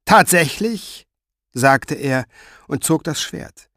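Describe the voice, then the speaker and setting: A man narrates a story with measured, dramatic delivery. His voice sits at a middle pitch. The recording is close-miked and very dry. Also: dry recording. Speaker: audiobook narrator. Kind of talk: scripted audiobook narration.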